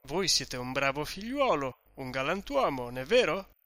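A man voicing a sly middle-aged innkeeper who speaks in a coaxing, falsely gentle way. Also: fairly high pitch, big pitch swings, measured pace, no echo. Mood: wheedling.

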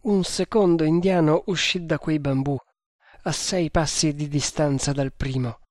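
A man's voice: fairly high pitch, steady tone, darkish tone, no room sound. Man narrating an audiobook, dry and close. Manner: measured, suspenseful storytelling. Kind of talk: audiobook reading.

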